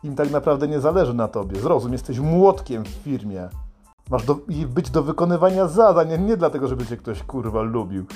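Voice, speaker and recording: A man's voice: medium pitch, animated, a little fast, a little mellow, faint music behind. A man delivering a crude, sardonic comic monologue full of swearing. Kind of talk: profane satirical monologue.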